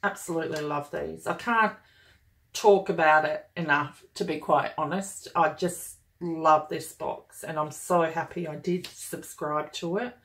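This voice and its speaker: Excited woman doing a planner unboxing vid, lots of oh my gosh energy, a bit of vocal fry. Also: low voice, unhurried. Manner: gushing and enthusiastic, chatty with fillers. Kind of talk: casual unboxing review.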